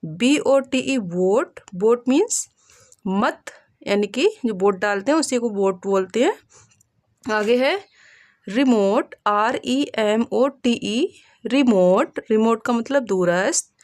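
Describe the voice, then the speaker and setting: A woman with a slightly high voice gives a pronunciation lesson to her learners. She spells each word out letter by letter, then asks what it is and answers herself. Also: lively intonation, takes it slowly, a little mellow. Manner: spells words letter by letter and asks rhetorical questions. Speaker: English teacher.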